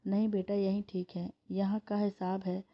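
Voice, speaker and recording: A woman voicing a gentle, caring older mother who is about to become a grandmother. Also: medium pitch, level tone, moderate pace, lightly acted. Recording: dull lo-fi recording.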